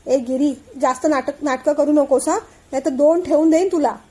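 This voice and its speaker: Young husband, bossy and teasing, storybook reading, voiced by a woman in a high, mellow tone. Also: fairly even intonation, normal speed, lightly acted. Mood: mock threatening.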